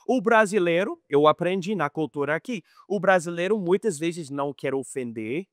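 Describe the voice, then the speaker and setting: A man's voice: fairly high pitch, fairly bright tone, dry recording, studio quality. A middle-aged American man, a missionary, giving an informal Bible lesson in a chatty way, restarting words and acting out quoted dialogue. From United States. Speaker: missionary teacher.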